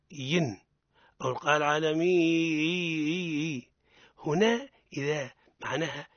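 A man's voice: on the high side, pushed and bright, breathy edge, dry recording, highs cut off. A man with a Tunisian accent teaching Quran recitation on radio, correcting pronunciation and modelling words for students to repeat. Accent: Tunisian Arabic.

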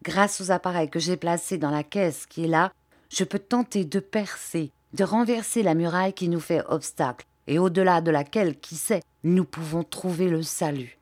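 A man's voice: fairly high pitch, moderate pace, darkish tone, natural voice. A woman reading the lines of a remorseful, resolute male scientist in a solemn manner.

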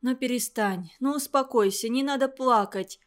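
A gentle, caring mother, as a woman reads her, soft-spoken and soothing. Her voice sits a little high. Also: normal speed, close to an everyday voice.

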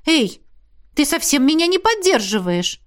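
A pushy young witch, jealous and prying, her voice pitched high and pressing hard on every question, as a woman narrator puts her on. She sounds like a headstrong student of magic who won't let a friend dodge. It is an audiobook character voice. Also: animated. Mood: indignant. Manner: indignant, prying, quick to raise her voice.

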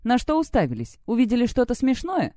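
Woman doing a shrill, raging schoolgirl witch, shouting insults, dark dry audiobook sound. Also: huge pitch swings, fairly quick, no echo. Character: furious teenage girl witch student.

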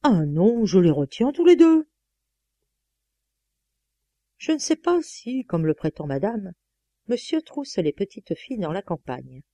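A woman reading a first-person novel aloud, with lively, exclamatory storytelling. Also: mid-range voice, normal speed, no echo. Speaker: audiobook reader.

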